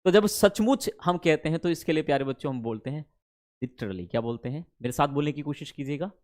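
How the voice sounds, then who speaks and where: Male teacher, higher-pitched, chatty, drills pronunciation, drawn-out lines. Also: expressive, darkish tone. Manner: addresses students fondly as kids, mixes Hindi and English; slows down and stretches English phrases. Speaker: English teacher. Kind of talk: online spoken-English class.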